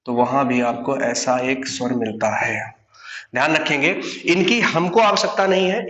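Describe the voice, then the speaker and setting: Man, young adult, grammar teacher, asks and answers his own questions, slightly high voice, roomy echo. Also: sharp tone, highs cut off, a little hiss or hum. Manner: asks questions then answers them himself. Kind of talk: online classroom lesson.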